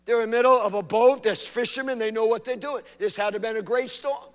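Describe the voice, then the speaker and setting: Male pastor, high-pitched, dynamic preaching delivery, church reverb. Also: fast, clear, resonant tone. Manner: preaching with big swings from hushed to loud. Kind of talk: sermon. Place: church sanctuary.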